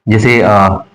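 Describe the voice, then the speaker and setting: A man's voice: lowish voice, gravelly, a bit bright, rough recording. A man teaching Hindi grammar, repeating terms and asking and answering his own questions as he drills pronunciation. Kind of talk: classroom lesson.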